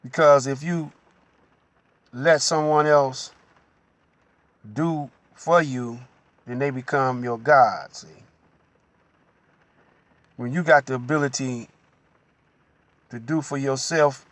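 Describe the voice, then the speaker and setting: A man giving a slow, unhurried religious teaching monologue as the host, pausing often and adding "you know.". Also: medium pitch, steady tone, a bit bright, no echo.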